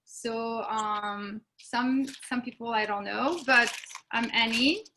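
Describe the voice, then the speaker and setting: Woman from Morocco and France, middle-aged, higher voice, bright tone, video call, unhurried with fillers. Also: slight background noise. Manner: unhurried, with frequent fillers and pauses. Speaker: home baker teaching a cooking demo. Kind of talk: casual online cooking demo.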